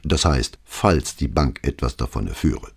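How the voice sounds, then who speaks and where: Man reading deferential police inspector, diplomatic, hesitant, very deep gravelly voice, audiobook. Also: expressive, measured pace, full character voice.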